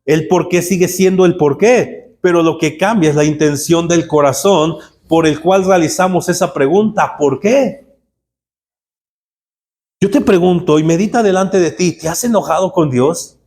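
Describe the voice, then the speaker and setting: A man with a fairly high voice preaches a sermon as a pastor. He speaks emphatically, often turning to the listener as brother. He acts out what he says to God and to the devil. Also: moderate pace, hardly any pauses, a little mellow.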